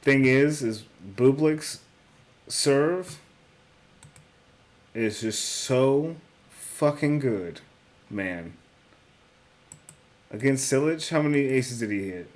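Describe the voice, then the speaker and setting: The young sports betting host, animated yet extremely slow and pausing often, muses aloud over his picks in a casual solo talk. His voice is medium pitched, and he corrects himself, swears here and there, and calls people bro and dude.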